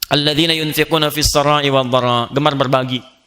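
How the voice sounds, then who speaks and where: A man preaching a lively sermon, playful and animated, joking with the audience and acting out little scenes. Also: medium pitch, a little fast, smooth. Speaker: Islamic preacher.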